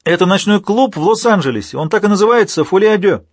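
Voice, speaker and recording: A man reading the part of an excited male psychologist who explains at length. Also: on the high side, moderate pace, husky, no room sound, studio quality, voice pushed up.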